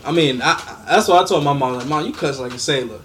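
A young man chats easily as a podcast co-host, his voice sitting a touch high and his laugh coming easily. A faint ambient hum runs under the recording. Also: fast, a bit bright. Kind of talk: casual chat.

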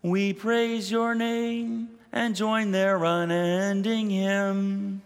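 A man leading worship, chanting the liturgy slowly in sustained sung phrases, with a cathedral echo. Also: high-pitched, flat delivery. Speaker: presiding minister. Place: large church. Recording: long reverb of a church hall.

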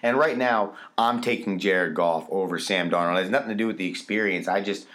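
Low-voiced guy co-hosting a football podcast, emphatic, repeats himself a lot. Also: brisk. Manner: animated, emphatic, repeats words for stress. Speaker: podcast co-host. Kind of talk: casual sports talk.

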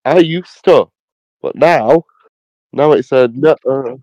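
Dark-voiced guy, lo-fi mic. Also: mid-range voice, takes it slowly, no room sound. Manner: blunt, jokey interjections with swearing. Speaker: podcast co-host. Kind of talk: casual chat. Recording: slightly dull, lo-fi mic.

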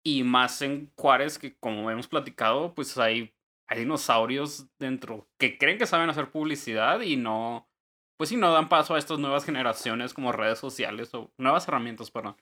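Man, podcast host, casual interview, slangy, bright edgy tone. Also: mid-range voice, moderate pace. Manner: relaxed, slangy, many short backchannels.

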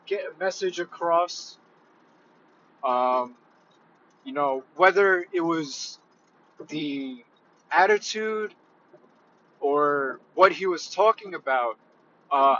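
Hesitant man vlogger, slow and bright-toned, lo-fi recording. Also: fairly high pitch. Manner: hesitant, halting, heavy on fillers. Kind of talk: casual reflective monologue.

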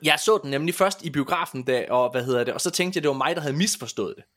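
Higher-pitched man hosting a casual podcast. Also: fairly bright tone. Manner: opinionated, bantering. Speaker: podcast host.

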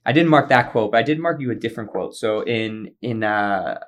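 Man, low-pitched podcast co-host, eager explainer with lots of "like" and "um". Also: lively intonation, fairly quick. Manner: enthusiastic explaining with frequent fillers. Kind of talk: casual podcast chat.

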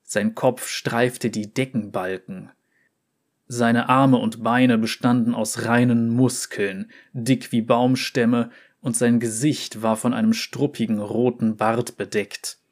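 A man narrating a fantasy story in a slow, measured reading style. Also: mid-range voice, little pitch movement.

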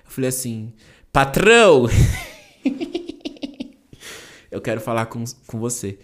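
Young male podcast host from Brazil, mid-pitched, casual and animated, telling an emotional personal testimony. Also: takes it slowly. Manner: animated, slangy, acts out dialogue in his story.

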